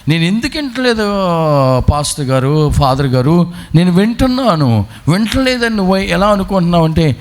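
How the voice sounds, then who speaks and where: Brief: male priest, a little high-pitched, very animated, voices both people in his sermon story. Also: moderate pace. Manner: storytelling, acting out both sides of a dialogue. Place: retreat center.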